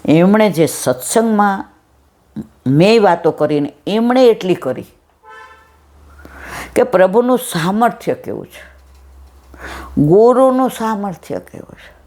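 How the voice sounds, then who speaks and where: A woman's voice: mid-range voice, sing-song, slow pace, long pauses, mellow. An older woman giving a devotional satsang talk, telling anecdotes and acting out the dialogue. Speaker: satsang speaker.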